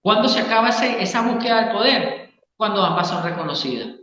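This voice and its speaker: A psychologist and Gestalt therapist, appearing as an interview guest, explains ideas while often checking in with the listener. His high voice is expressive, pushed and bright, moving at a fairly quick clip. The room is echoey with long reverb, and the sound is dull.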